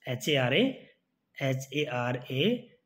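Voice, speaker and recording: A man's voice: medium pitch, animated, drawn-out words, fairly bright tone. A male teacher giving an exam-prep spelling lesson, spelling words letter by letter and coaxing his students to remember them. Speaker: English teacher.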